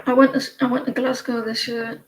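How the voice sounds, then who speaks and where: A woman in her forties from northeast England, speaking with a northeast English accent, gives a casual, rambling tarot reading packed with fillers and restarts. Her voice is a little high and a little fast, with little pitch movement.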